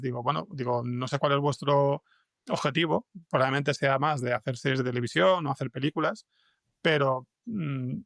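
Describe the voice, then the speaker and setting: A Spanish man who writes podcast fiction talks fast in a creaky, medium-pitched, fairly bright voice as a guest in a conversational interview. He tells anecdotes haltingly, often restarting sentences, and the studio-quality recording is dry.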